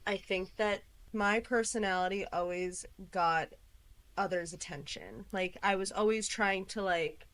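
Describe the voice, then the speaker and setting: A woman's voice: mid-range voice, measured pace, fairly bright tone. A woman in her late twenties, a podcast guest talking casually with lots of fillers. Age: 20s. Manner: chatty, many fillers, quoting herself. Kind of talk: casual interview chat.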